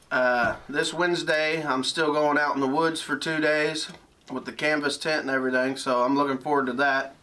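A man's voice: fairly high pitch, bright, forceful tone. A plain-spoken, laid-back man talking casually with his son while he vlogs from a small wood-heated cabin. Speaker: outdoors vlogger.

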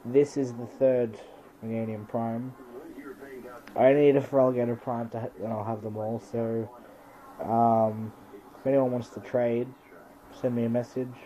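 A man's voice: mid-range voice, level tone, a little slow, long pauses, mellow, highs cut off. A man casually commenting as he hosts an unscripted unboxing video, listing items one by one in a matter-of-fact way. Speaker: trading card pack-opening video host. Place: bedroom, indoors.

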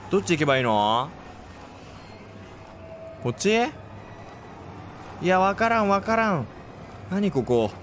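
A man casually commentating his playthrough of a horror game, chatty and quick to react with exclamations. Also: fairly high pitch, a little hiss or hum.

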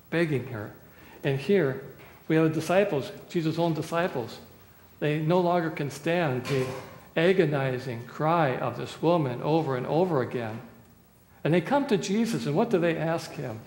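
A man in his sixties, a pastor preaching a sermon, dramatic, swinging between loud pleading and hushed quiet lines, recorded from a distance in a small church. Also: fairly high pitch, gravelly, slight background noise. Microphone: far camera. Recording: echoey church hall, roomy reverb.

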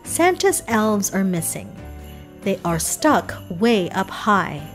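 A female narrator reads a children's book aloud in expressive verse, taking her time with a lively pitch. Music plays underneath this scripted storybook narration.

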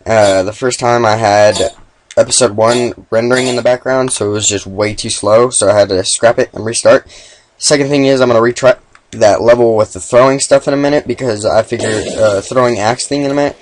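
A young man with the hiccups giving casual gameplay commentary, mumbling asides and then yelling and swearing when things go wrong. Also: medium pitch, fairly even intonation, a little fast, slight background noise, rough recording. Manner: swings from mumbled asides to sudden swearing shouts. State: has the hiccups.

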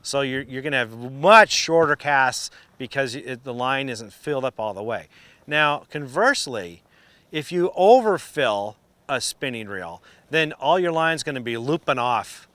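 A man's voice: medium pitch, measured pace, no echo. Man, 50s, fishing instructor, chatty how-to, dry studio sound. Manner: excited and exclaiming on the water, chatty and folksy when explaining. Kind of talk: casual how-to explanation. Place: outdoors on a fishing boat on a lake for the catch; indoor studio backdrop for the tips.

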